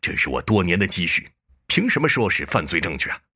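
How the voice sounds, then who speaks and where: A corrupt county magistrate, as a male storyteller plays him, hedging his answers with evasive hesitation. His deep, gravelly voice leaps around in pitch as he dodges and blusters. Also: very animated, a little fast, full character voice. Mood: defiant. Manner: evasive, hesitant, then shouting defiance.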